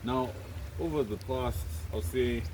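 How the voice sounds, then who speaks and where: A man's voice: mid-range voice, measured pace. A man in his twenties from Zimbabwe, talking casually and earnestly to camera, rambling with lots of fillers. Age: 20s. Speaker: vlogger. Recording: noticeable background noise, rain.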